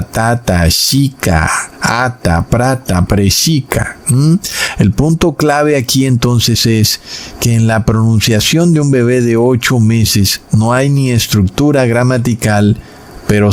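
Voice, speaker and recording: Addressing his audience as brothers, a man in a medium-pitched, slightly mellow voice delivers a Bible lesson like a sermon, drawing out key words to stress them.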